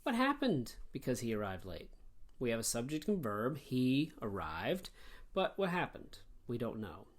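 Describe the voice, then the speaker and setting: Man teaching grammar, lively pitch, animated and clear. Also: moderate pace. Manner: animated, explains step by step. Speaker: English teacher. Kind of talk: online grammar lesson.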